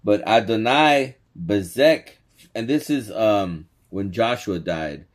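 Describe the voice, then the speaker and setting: A man's voice: on the low side, slow. A man teaching scripture in casual commentary, laughing often and checking in with "okay?". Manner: laughs often, animated, says "okay?" a lot. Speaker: religious teacher commenting on a clip.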